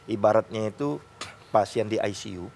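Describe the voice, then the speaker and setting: Man, talk show guest, low voice, deliberate, faint studio ambience. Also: vocal fry, a little mellow, slight background noise. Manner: slow, deliberate, repetitive emphasis.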